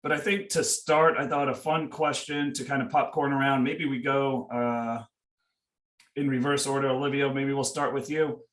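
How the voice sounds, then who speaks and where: A man's voice: medium pitch, level tone, moderate pace, fairly bright tone, distant mic. A man hosting a school information session over a video call, easygoing and casual with many "uh"s and "um"s. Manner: easygoing, with frequent "uh" and "um". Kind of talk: moderating a video-call panel. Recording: echoey room, away from the mic.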